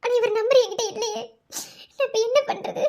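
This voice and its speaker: A lovesick, flustered young woman in a cartoon, voiced by a woman, speaking with a Madurai Tamil accent. Her voice sits very high and squeaky. She mixes worried questions with choked, teary laughter. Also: steady tone, a little fast, mellow. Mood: tearful. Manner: sobbing laughs between anxious, self-questioning lines. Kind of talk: cartoon voice acting.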